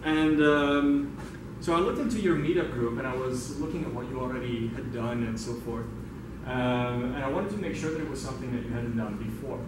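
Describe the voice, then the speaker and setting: A Belgian man facilitates a workshop at an indoor meetup, giving an informal, conversational talk and engaging the audience with questions. His medium-pitched voice moves a little fast, captured far from the microphone in a very reverberant room with clear background noise underneath.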